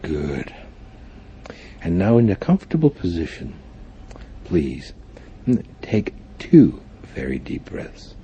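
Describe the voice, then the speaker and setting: A man with a very deep, dark, mellow voice guides a meditation in a sing-song way, his intonation swinging widely. His instructions are formal and deliberate, punctuated by frequent thoughtful hums. The live recording has faint background noise.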